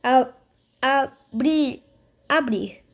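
A woman's voice: high voice, drawn-out words. A female gaming host giving casual game commentary, talking straight to viewers and repeating phrases. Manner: repetitive, addresses viewers directly.

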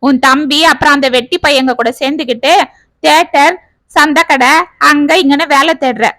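A woman doing a bold young village girl from a storybook, sharp-tongued and scolding, her voice high and bright. She talks close to the mic in a dry, deadened space. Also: steady tone, moderate pace, no echo. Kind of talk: storybook reading.

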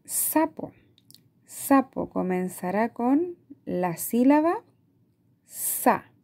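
A woman teacher with a Chilean Spanish accent, explaining a reading lesson to parents in a slow, patient way, stretching out words and checking in with "¿ya?". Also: fairly high pitch, vocal fry, dark tone. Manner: asks "¿ya?" often.

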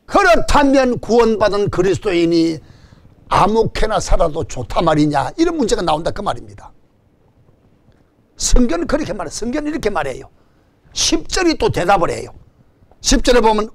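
An older pastor with a Gyeongsang Korean accent delivers a lively sermon from a church stage before a banner, speaking into a stand mic in front of him. He calls for amens and jokes with the congregation, his voice pitched high at a normal speed with frequent pauses.

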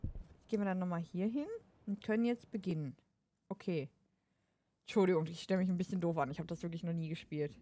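A woman giving casual let's play commentary, excitable and laughing often, shouting commands at the game. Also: fairly low pitch, fast, long pauses.

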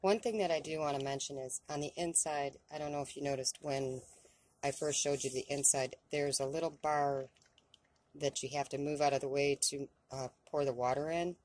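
A woman's voice: sits low, steady tone, moderate pace, a little mellow. A woman chatting casually in a how-to vlog from inside her van, with frequent ums and a self-deprecating manner. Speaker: van-life vlogger. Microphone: camera on a tripod.

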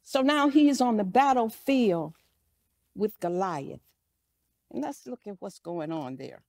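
A woman's voice: medium pitch, animated, slow, mellow. A woman pastor preaching a sermon, retelling scripture as a story and acting out the speakers' lines.

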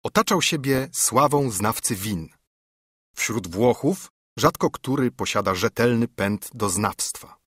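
A man narrating an audiobook in a measured, formal way. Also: medium pitch, lively intonation, fairly bright tone, slightly rough, dry recording, studio quality.

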